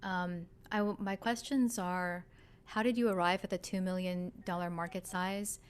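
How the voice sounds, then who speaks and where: A woman serving as a judge puts polite, measured questions to a presenter over a video call. Her voice is smooth and clear. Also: fairly low pitch, fairly even intonation.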